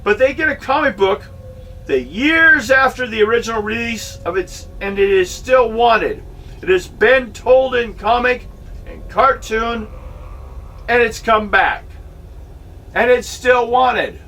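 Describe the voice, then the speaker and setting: A man's voice: very high-pitched, slow, pauses often, sharp tone. A middle-aged man delivering an opinionated back-in-my-day rant in an indignant, emphatic, grumbling fan's manner. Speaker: vlogger and amateur filmmaker. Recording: distant mic with faint background noise.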